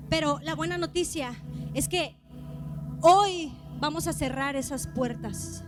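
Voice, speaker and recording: High-voiced woman preaching over music. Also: takes it slowly. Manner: emotional testimony, rising to fervent appeals. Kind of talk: sermon.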